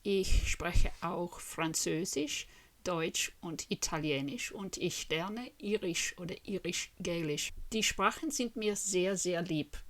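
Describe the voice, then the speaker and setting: Talking to camera in a language she learned later in life, a native English speaker in her fifties from Western Australia speaks slowly and deliberately with an Australian accent. Her voice is lowish, her manner earnest and friendly, and she keeps asking her viewers questions.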